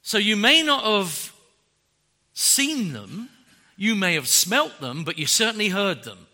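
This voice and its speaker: Bright-voiced, lively preacher. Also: male voice, high voice, slow pace, big-room sound. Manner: animated, joking, often laughing. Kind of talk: sermon.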